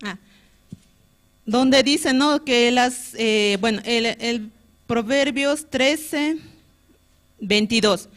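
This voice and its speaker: A woman's voice: a little high, very slow, pauses often, fairly bright tone. Bolivian woman giving an earnest church testimony. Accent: Bolivian Spanish. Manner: tags nearly every phrase with a questioning "¿no?"; emotional retelling, earnest and frank.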